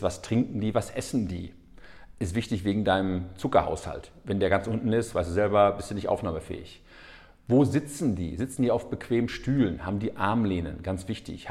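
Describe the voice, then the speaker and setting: A middle-aged man hosts a podcast on public speaking with a fairly low voice. He talks in a chatty, lively way, often turning to address the listener directly with questions. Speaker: podcast host and speaking coach. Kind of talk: casual podcast monologue.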